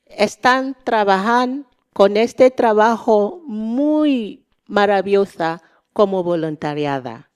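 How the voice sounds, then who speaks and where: Slow, clear Nigerian woman speaking non-native Spanish. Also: mid-range voice. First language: not Spanish. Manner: halting, searching for words in non-native Spanish. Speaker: panel speaker, activist. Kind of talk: informal panel speech.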